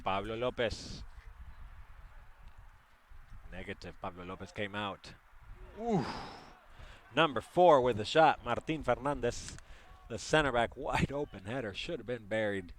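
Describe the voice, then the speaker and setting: A man's voice: medium pitch, expressive, a little slow, a little hiss or hum. A man doing live play-by-play commentary, chatty and partisan, joking with listeners as the action unfolds.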